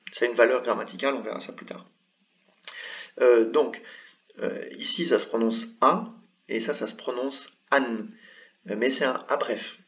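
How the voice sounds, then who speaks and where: Man, mid-pitched, patient teacher walking through a lesson with lots of "euh", slightly dull lo-fi sound. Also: a bit bright, far from the mic. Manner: patient, explains step by step with many fillers. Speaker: Arabic script teacher. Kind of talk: online language lesson.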